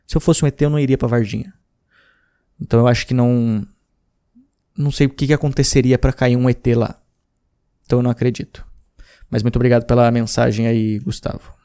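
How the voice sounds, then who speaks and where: A man's voice: mid-range voice, little pitch movement, fast, long pauses, dark tone, smooth. A man in his thirties from Brazil, hosting a podcast and chatting informally about listener messages, rambling with slang and restarts. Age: 30s. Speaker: podcast host. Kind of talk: casual podcast chat reading listener messages.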